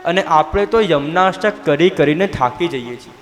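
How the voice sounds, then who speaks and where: A man delivers a devotional sermon in a storytelling manner, often turning to ask the audience rhetorical questions. His voice is high and carries through a roomy hall with a long tail of reverb. Soft music sits underneath. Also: expressive, moderate pace. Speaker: devotional preacher. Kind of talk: Gujarati devotional katha sermon.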